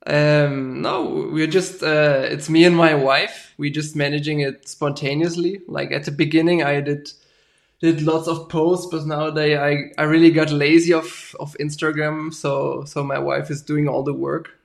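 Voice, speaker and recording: A man, a farmer guest talking casually and haltingly, often ending with "right?". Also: fairly high pitch, level tone, gravelly. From Germany. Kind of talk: casual interview talk.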